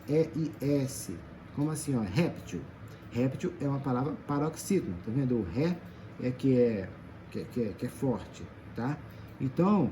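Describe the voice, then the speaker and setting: A man's voice: mid-range voice, mellow, a little hiss or hum. A Brazilian man teaching a grammar lesson, patient, stretching out example words and checking in after each point. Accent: Brazilian Portuguese. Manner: patient, checks in often with tag questions. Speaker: Portuguese teacher.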